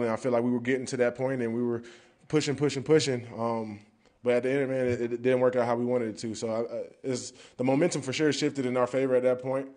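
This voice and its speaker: At an indoor press conference, a young male football player answers post-game questions into a podium mic in front of him. His voice is medium-pitched and warm, and he's casual and chatty, dropping "man" often.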